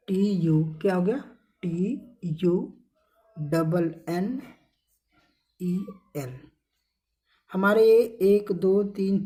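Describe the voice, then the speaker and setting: A woman teacher with a Hindi accent walks through spelling rules at an unhurried pace. Her voice is soft and mellow. She keeps asking the class a question and answering it herself, repeating each word slowly. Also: medium pitch. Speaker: English teacher. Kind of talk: classroom phonics lesson.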